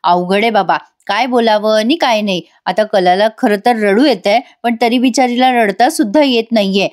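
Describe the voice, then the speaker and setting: A woman's voice: medium pitch, moderate pace. A woman narrating a TV serial episode recap as a voice-over, chatty, with asides to the viewers. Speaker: TV serial reviewer.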